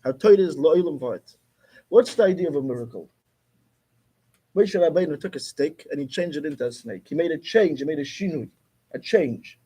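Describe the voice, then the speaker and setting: A man's voice: fairly high pitch, lively intonation, moderate pace, mellow, slightly rough. A man teaching a class, explaining emphatically and repeating his key points. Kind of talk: Torah class lecture.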